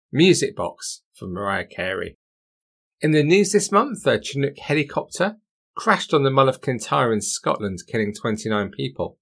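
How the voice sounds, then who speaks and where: A man with a British accent reading scripted narration in the measured manner of a true crime narrator, as a podcast host. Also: mid-range voice, a bit bright.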